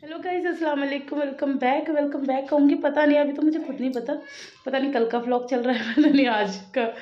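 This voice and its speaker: An Indian mother chatting casually to her viewers in a home vlog, talking freely and laughing often, dropping soft and low when she turns reflective. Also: steady tone, fairly quick, dull audio. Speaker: family vlogger, mother.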